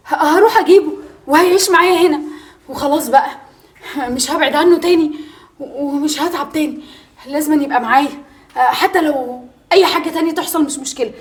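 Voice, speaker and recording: A woman plays a betrayed young Egyptian mother in a web drama, her high voice quick and pressing. She swings between tearful laughter and bitter sarcasm. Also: lightly acted. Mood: excited. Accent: Egyptian Arabic. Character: Naghm, wronged young mother, betrayed by husband and friend. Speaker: actress.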